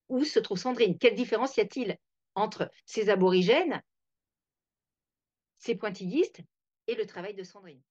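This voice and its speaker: A woman's voice: medium pitch, darkish tone, no echo. A woman hosting a reflective talk, thinking aloud with many fillers and restarts. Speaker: host. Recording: dull, dry lo-fi sound.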